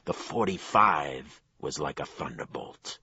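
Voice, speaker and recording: A man narrating a crime thriller audiobook in a measured storytelling voice. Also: lively intonation, pushed and bright, breathy edge, no echo, lo-fi sound. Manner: low, measured storytelling with acted dialogue.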